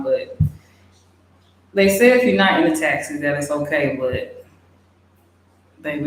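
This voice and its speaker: A young woman chatting casually, reading out and answering viewer questions in a relaxed way with many fillers. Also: low voice. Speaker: expat vlogger. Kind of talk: casual livestream Q&A. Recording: very echoey room, faint hiss.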